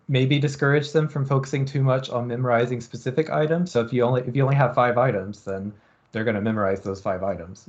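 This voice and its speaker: A man lecturing at a university, explaining experiment design in a relaxed way and thinking aloud with frequent ums. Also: mid-range voice, lo-fi sound.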